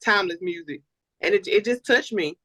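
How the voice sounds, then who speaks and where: A woman's voice: mid-range voice, fairly quick, sharp tone, rough recording. An American woman chatting casually as a talk show guest, informal and slangy with repeated tag phrases. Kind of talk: casual chat.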